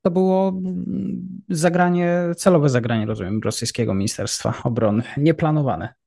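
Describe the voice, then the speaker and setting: A man's voice: on the high side, normal speed, vocal fry, warm tone. A man hosting an interview, asking questions hesitantly and repeating words as he forms them. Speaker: interviewer host.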